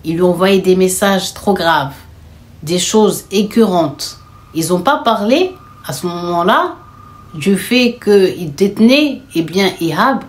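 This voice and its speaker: A young woman telling a dramatic story in a casual, conversational storytime style, with slang and fillers. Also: mid-range voice.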